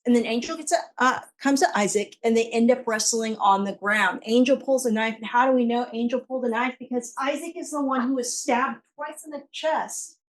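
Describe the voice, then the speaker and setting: Emphatic woman prosecutor, higher voice. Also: fairly quick, few pauses, low-quality recording. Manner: emphatic, repeating key phrases for force. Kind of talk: courtroom closing argument. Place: courtroom.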